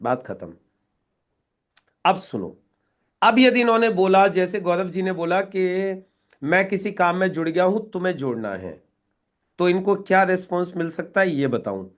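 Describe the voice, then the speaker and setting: A man with a notably high voice runs a live online training session over a video call. He coaches his students directly and acts out sample conversations to show them how to speak. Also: animated, moderate pace, pauses often. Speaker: network marketing trainer.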